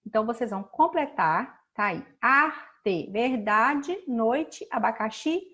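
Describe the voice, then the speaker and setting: A woman's voice: on the high side, expressive, slow, a bit bright, dull audio. A woman teacher giving a recorded class lesson, patient and explanatory, stretching out words to stress their syllables. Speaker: schoolteacher.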